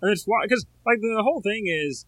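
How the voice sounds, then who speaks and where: A man co-hosting a podcast, chatting casually about a movie in an animated, rambling way. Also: sits high, brisk, no echo. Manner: animated, rambling, full of filler words. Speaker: podcast co-host. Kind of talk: casual movie review chat.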